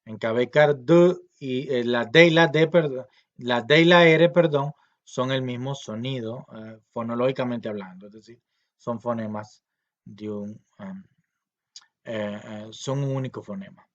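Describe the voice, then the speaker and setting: A man giving a recorded grammar lesson, explaining patiently with many fillers and slowly repeating example words. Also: mid-range voice, muffled recording. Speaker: language teacher.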